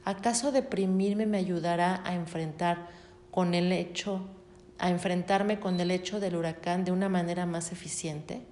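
A woman reads a self-help passage aloud at a steady, even pace. Every so often she slips into casual asides before going back to the text. Her voice carries a noticeable room echo, with a faint rumble underneath. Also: moderate pace. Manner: steady reading broken by casual spoken asides. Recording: roomy echo.

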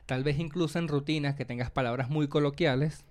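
Venezuelan guy on a podcast, kinda high voice, slangy and animated, does little voices for other ppl. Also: fairly quick. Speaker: podcast co-host, comedian. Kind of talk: casual chat.

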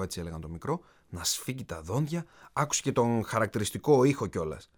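A man, an author and coach, narrating a self-help audiobook in an emphatic way, speaking straight to the listener. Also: sits low. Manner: emphatic, addresses the listener directly.

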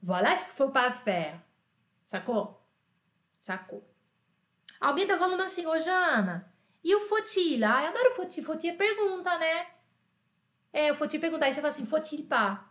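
A woman teaching French in an enthusiastic, chatty online lesson, repeating phrases slowly for learners to copy. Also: high voice, animated, a bit bright, echoey room.

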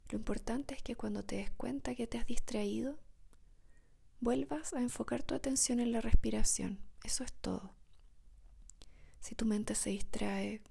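A woman whispers a guided meditation in the soothing manner of a sleep story narrator, speaking softly with long pauses. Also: a little high, gravelly, husky.

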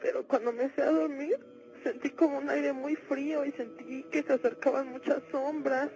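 A woman's voice: high voice, steady tone, moderate pace, warm tone, soft background music, low-quality recording. A woman playing a frightened teenage girl who calls a radio show, possessed by a demon. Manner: pleading, panicky, breaks into screams. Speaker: caller. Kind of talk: dramatized radio call.

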